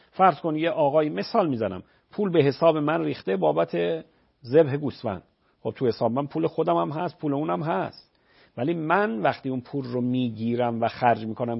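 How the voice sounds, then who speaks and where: Raspy man explaining on call-in radio. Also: fairly high pitch. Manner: explanatory, patient, uses examples. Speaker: religious scholar answering callers. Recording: dull lo-fi radio broadcast.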